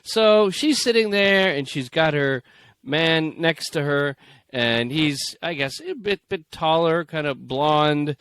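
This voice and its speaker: A man's voice: fairly high pitch, expressive, takes it slowly, a bit bright, a little hiss or hum. A man co-hosting a podcast in casual, jokey chat, reading stories aloud and slipping into playful voices. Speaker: podcast co-host.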